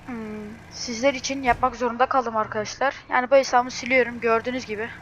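A young woman hosting a car game video, talking in a hurried, distraught way and swearing oaths as she goes. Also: fairly high pitch, fairly even intonation, a bit bright, lo-fi sound, a little hiss or hum. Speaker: mobile car game channel host. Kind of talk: gaming screen-recording vlog.

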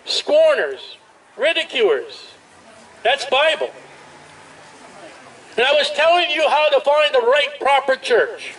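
A very high-pitched street preacher with big swings in pitch preaches loudly outdoors at a busy festival through a portable speaker. The recording, made from afar with ambient noise, catches his emphatic, drawn-out hammering phrases.

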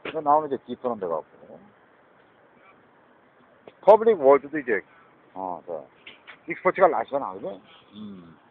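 A man's voice: mid-range voice, big pitch swings, normal speed, creaky, long pauses, slightly rough. A man talking in a rambling, repetitive monologue, mixing Korean and English, recorded outdoors near a street. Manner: mixes Korean and English, repetitive, agitated asides. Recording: tinny phone-like audio with faint noise.

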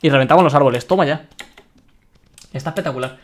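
A young man from Spain chatting excitedly while streaming a game and reading his chat aloud. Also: a little high, fast talker. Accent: Spain Spanish. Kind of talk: live-streamed gameplay commentary.

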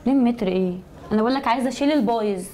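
A woman's voice: fairly high pitch, rapid-fire, mellow. A woman with an Egyptian accent, a salon customer caught in a hidden-camera prank, firing back indignant, exasperated retorts. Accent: Egyptian Arabic. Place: hair salon.

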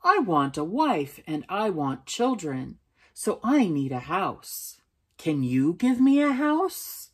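A woman's voice: lowish voice, big pitch swings, takes it slowly, husky, heavily acted. A woman voicing a needy boy who grows into a tired, sad man in a children's storybook, plaintive and wanting. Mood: busy, demanding. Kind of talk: children's storybook character reading.

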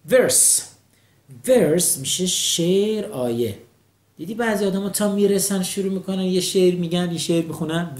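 Animated man teaching vocabulary. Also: fairly high pitch, echoey room. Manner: animated, drills words by repetition. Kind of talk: mnemonic vocabulary lesson.

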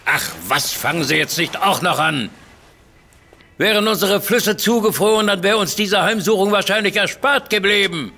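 An actor playing a blustering, suspicious army general who accuses others loudly, in a radio play. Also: male voice, high-pitched, moderate pace, creaky, full character voice.

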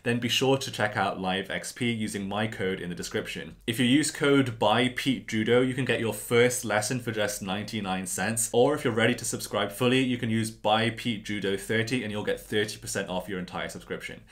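A man with a lowish voice tells an educational story in a casual, chatty way. He drops in dry, slangy asides as he goes. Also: steady tone, a little fast, few pauses, a bit bright. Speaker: YouTube host.

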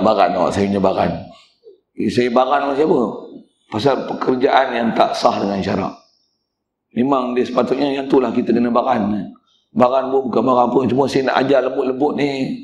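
A man's voice: medium pitch, darkish tone, echoey room, slight background noise. A male religious teacher, giving a mosque lecture in a blunt, teasing way and speaking straight to the congregation.

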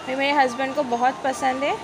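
Speaking briskly in a high, level voice, a Pakistani home cooking host talks viewers through each stage of a recipe in her home kitchen. Her manner is chatty and homely, full of "see" aimed at the audience. A phone or camera captures the countertop from overhead, and the recording has plenty of home noise.

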